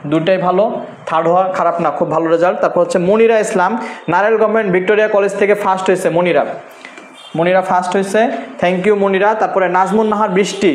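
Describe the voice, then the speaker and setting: A man's voice: high-pitched, echoey room. A man, a teacher reading out exam results to his students with teasing, encouraging asides.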